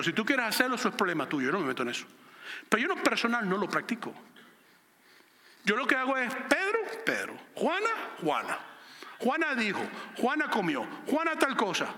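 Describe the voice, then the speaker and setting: A man's voice: extremely high pitch, pushed and bright, in a large hall. A man preaching a sermon as a pastor, passionate and acting out conversations. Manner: passionate preaching, acts out dialogues.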